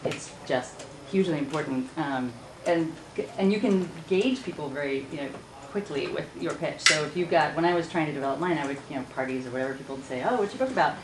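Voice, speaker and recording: A woman author speaking on a conference panel, chatty and quick, laughing often. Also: low voice. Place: conference room with audience. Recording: echoey conference room with noise.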